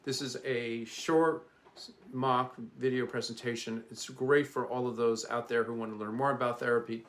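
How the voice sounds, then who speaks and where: A middle-aged or older man from the Bronx giving an informal, earnest introduction as a therapist and teacher, speaking in a halting, reflective way. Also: mid-range voice, fairly even intonation, fairly bright tone. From the Bronx, New York. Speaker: psychologist and therapy teacher presenting his channel. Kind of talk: informal spoken introduction to camera. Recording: echoey room, distant mic, faint noise.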